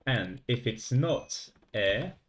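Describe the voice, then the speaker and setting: During a casual coding livestream, a young Frenchman with a light accent thinks out loud and chats with his audience. He has a mid-range voice with lively intonation and speaks at a slow pace.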